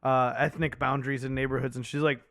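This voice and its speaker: A man's voice: mid-range voice, quick pace, no echo, studio quality. A man co-hosting a podcast, recapping a movie in casual chat and acting out the characters' lines. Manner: animated, acts out characters' lines in quotes. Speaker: podcast co-host.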